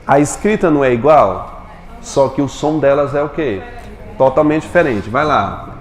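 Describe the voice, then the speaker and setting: A male teacher giving a Portuguese lesson in a classroom, quizzing his students with quick questions. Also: mid-range voice, lively intonation, roomy sound, in a large hall.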